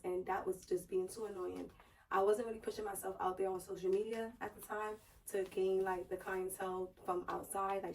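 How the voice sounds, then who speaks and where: Hoarse woman vlogger, slightly distant mic. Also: medium pitch, a little mellow. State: hoarse, strained voice just back after losing it, sore throat. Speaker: YouTube vlogger. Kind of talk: casual personal finance vlog.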